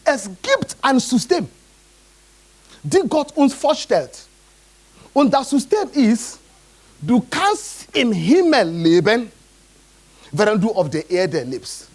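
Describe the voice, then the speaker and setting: A man's voice: extremely high pitch, very animated, slow pace, pauses often. A man from Nigeria, preaching a sermon as pastor and often checking in with his congregation.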